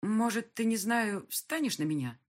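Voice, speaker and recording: A woman's voice: a little high, animated, moderate pace, voice pushed up. A woman voicing an injured young woman trapped in a pit, talking with pleading urgency. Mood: urgent.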